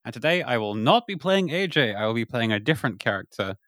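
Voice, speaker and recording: A man's voice: medium pitch, very animated, fast, a bit bright, no echo, clean studio sound. A man playing a tabletop role-play game, chatting in a playful, teasing way. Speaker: player. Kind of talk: casual chat.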